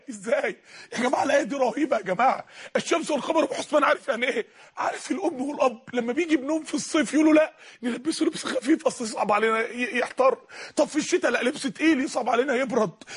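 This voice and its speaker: A male preacher with an Egyptian Arabic accent delivering an impassioned sermon full of rhetorical questions and shouted peaks. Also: very high-pitched, breathy edge.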